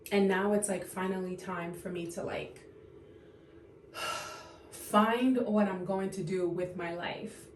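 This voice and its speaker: A woman in her thirties talks straight to camera in an unscripted confession, trying not to cry, halting and sighing often. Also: mid-range voice, darkish tone, echoey room, a little hiss or hum. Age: 30s. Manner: tearful, halting, full of fillers and sighs. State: on the verge of tears. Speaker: vlogger.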